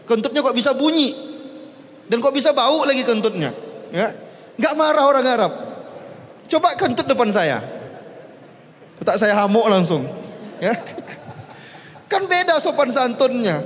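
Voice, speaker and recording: High-voiced preacher in an echoing hall. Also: male voice. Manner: lively, jokey, rising and falling emphatic delivery. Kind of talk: sermon. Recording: long hall reverb.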